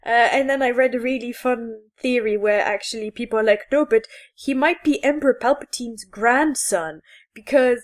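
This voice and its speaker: In a fairly high voice at a moderate pace, this woman co-hosts a podcast full of casual geek chat. She rambles, giggles, and stays enthusiastic throughout.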